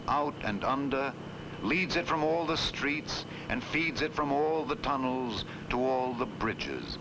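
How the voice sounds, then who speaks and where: A man reading scripted, poetic documentary narration in a solemn, grand, oratorical manner with dramatic pauses. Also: mid-range voice, gravelly, background noise. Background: loud music.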